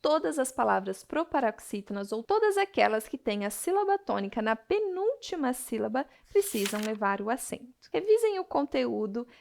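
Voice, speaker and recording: A Brazilian woman teacher giving a recorded grammar lesson, explaining rules and slowly stressing each example word. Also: on the high side, sing-song, creaky, darkish tone. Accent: Brazilian Portuguese.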